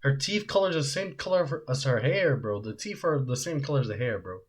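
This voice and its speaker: A man's voice: mid-range voice, lively intonation, fast, slightly rough. A young man giving casual, slangy reaction commentary in disbelief, blunt and mocking, often repeating himself. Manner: blunt, mocking, repetitive phrasing.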